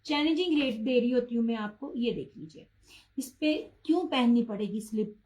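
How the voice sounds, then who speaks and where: Woman, high voice, live-stream seller, chatty, pushy about price. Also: animated, normal speed, a little mellow, rough recording. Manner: chatty, addresses viewers by name, insists on low prices. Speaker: online clothing seller. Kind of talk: live-stream sales pitch.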